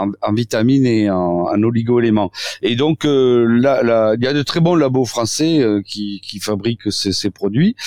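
A man's voice: medium pitch, a little mellow, dry recording. A man with a southwestern French accent, a doctor speaking as a guest in a radio interview, who often restarts while searching for his words. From southwest France. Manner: halting, many false starts while searching for words.

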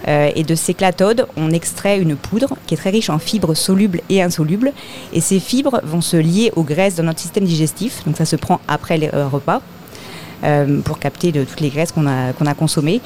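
A woman's voice: low-pitched, normal speed, dark tone, slight background noise. A woman explaining a supplement at a live talk, technical and hesitant, with many fillers. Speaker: product expert guest.

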